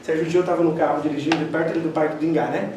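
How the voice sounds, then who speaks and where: A man gives a spiritist lecture, telling animated personal stories and acting out the dialogue. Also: fairly high pitch, very fast. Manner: animated storyteller who acts out quoted dialogue. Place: lecture hall of a spiritist center. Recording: very echoey hall, distant mic, faint noise.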